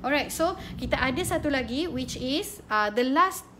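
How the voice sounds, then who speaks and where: High-voiced Malaysian mom host. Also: female voice, normal speed, a little hiss or hum. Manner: lively, switches between Malay and English. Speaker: host and mother. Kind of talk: casual parenting talk.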